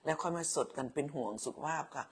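Husky middle-aged woman, ex-teacher, chatty motherly livestream host who teases and repeats herself. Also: sits low, fast. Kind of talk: casual live chat reading viewer comments.

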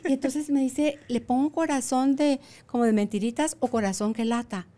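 A woman in her sixties speaking with a fairly high voice. She hosts a relaxed conversation and tells her stories in a lively, playful way. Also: moderate pace. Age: 60s. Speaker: podcast host. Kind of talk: casual conversation.

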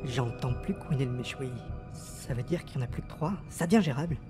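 A man's voice: mid-range voice, lively intonation, a little fast, over loud music, natural voice. A man playing an impatient, theatrical schemer who bosses his crew in an audio drama.

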